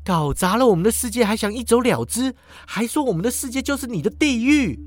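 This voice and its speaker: A ruthless young swordswoman from a storybook, clipped and accusing, as a man puts her on. Her voice is pitched far above the reader's own and leaps in sharp, lively jumps. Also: a little fast, no echo, clean studio sound. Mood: angry. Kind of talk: storybook character voice.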